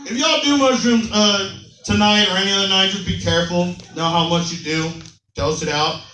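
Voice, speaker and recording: A man's voice: high-pitched, normal speed, bright, forceful tone, slight background noise. A young adult man doing stand-up comedy in a club, brash and profane, telling playful stories. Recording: roomy club sound, mic a bit distant.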